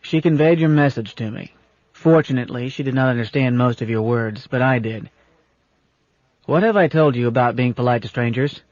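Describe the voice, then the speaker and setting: A gruff old captain, as a male narrator plays him, commanding and folksy and fond underneath. He speaks a little louder than the narration, in a dry space. The recording is dull and lo-fi. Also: mid-range voice, moderate pace, no room sound, natural voice. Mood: stern, folksy.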